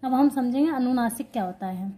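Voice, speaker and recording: This woman's voice is mellow and on the high side, and she speaks a little fast. Teaching grammar for exam prep, she writes as she explains, goes back over key points, and answers the questions she puts to the class.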